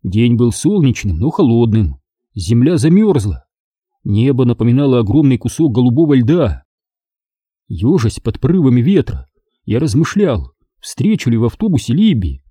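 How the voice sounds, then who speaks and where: A man reading a children's book aloud as scripted narration, in a lively way. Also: normal speed, breathy edge, no echo, studio quality. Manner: lively reading, raised pitch for the boy's shouted lines. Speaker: audiobook reader.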